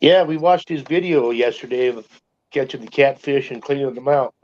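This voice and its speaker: A man's voice: medium pitch, normal speed, a little mellow. A man chatting casually in a folksy, joking, salty way. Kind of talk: casual chat. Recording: dull lo-fi audio.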